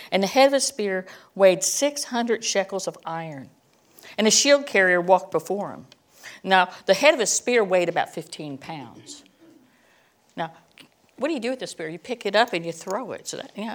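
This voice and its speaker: Middle-aged woman, Bible teacher, conversational sermon, joking asides, medium pitch. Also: expressive, normal speed.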